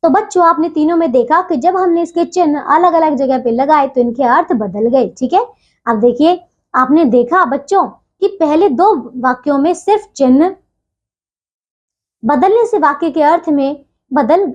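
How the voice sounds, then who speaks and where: A woman teaching a grammar lesson to children, patient and steady, pausing between phrases and often checking they follow. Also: high-pitched. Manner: patient, keeps asking "theek hai bachchon?"; leaves deliberate pauses between phrases.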